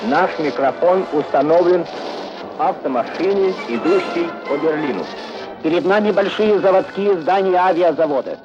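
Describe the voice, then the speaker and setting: High-pitched man, old radio reporter. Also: normal speed, highs cut off, music in the background. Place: moving car in a city.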